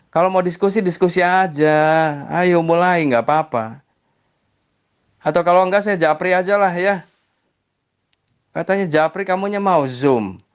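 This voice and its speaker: A man's voice: fairly high pitch, clear, resonant tone. Chiding man explaining his faith. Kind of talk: religious debate voice notes.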